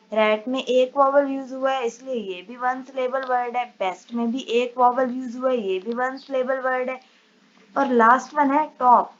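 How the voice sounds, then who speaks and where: A woman teaching an English lesson, explaining patiently step by step and reading English definitions slowly. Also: fairly high pitch, lo-fi sound.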